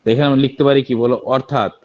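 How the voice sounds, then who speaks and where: A man's voice: mid-range voice, level tone, rapid-fire, a little mellow. A man teaching a math lesson for exam prep. He repeats each step, quizzes students with rhetorical questions and keeps warning them about careless slips. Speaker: math tutor. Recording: dull lo-fi recording.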